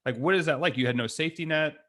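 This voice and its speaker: A man hosting a podcast, asking his guest friendly, measured questions. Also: on the high side, a bit bright. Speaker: podcast host. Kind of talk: interview questions.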